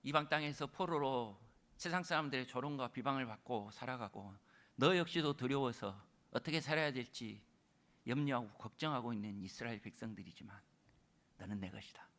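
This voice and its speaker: A male pastor delivering a sermon, moving between booming proclamation and soft whispers. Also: fairly quick. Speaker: senior pastor.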